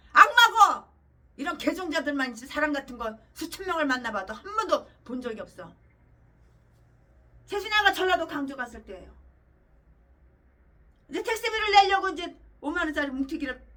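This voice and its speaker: A woman's voice: sits high, bright, forceful tone, recorded from a distance. A woman pastor preaching a fiery sermon, ranting angrily with scornful, profane insults.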